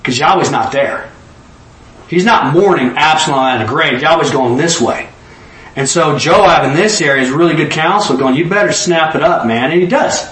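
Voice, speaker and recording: A man teaching an informal bible lesson in an animated way, often slipping into voices. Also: a little high, moderate pace. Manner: animated, jumps into acted-out voices. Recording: roomy echo from a distant mic.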